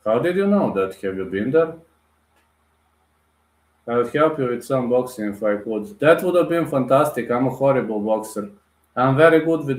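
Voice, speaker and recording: A Bulgarian livestream host with a mid-range voice chats casually in a roomy, echoing space, reading out viewer comments and answering them. He's direct and blunt, calls his audience "guys," and phrases things like a non-native speaker.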